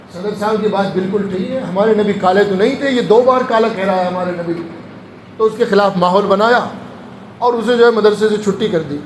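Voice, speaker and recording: An Islamic preacher with a high voice gives a sermon-style storytelling lecture, recounting anecdotes and acting out the voices of the people in them. He is in an echoey room with faint ambient noise.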